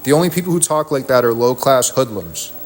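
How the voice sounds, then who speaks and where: A man's voice: mid-range voice, expressive, fairly quick, soft background music. A man streaming from home, delivering a heated, profane, rambling rant into a desk mic. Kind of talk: ranting stream talk.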